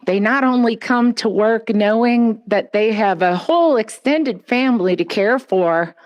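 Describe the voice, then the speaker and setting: At an outdoor pet memorial, a woman with a fairly high voice addresses the mourners slowly and unhurriedly. She sounds gentle and consoling, leaving soft pauses, though the recording is muffled.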